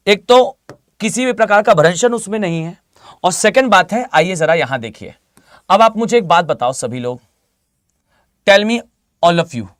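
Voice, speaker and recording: A man's voice: high voice, dry recording. Chatty male geography teacher, dry sound. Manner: conversational, repeats himself, lots of fillers. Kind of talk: live online exam-prep lecture.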